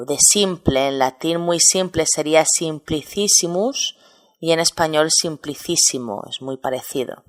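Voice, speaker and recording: Slow, low-voiced woman teaching grammar. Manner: measured, explains with many examples. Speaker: Spanish teacher. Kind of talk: grammar lesson.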